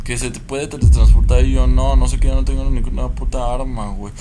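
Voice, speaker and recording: A man's voice: medium pitch, steady tone, brisk, over loud music. A man with a Mexican accent commenting while playing a game, jittery and swearing constantly, letting out yelps when startled. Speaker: gamer. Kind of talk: let's play commentary.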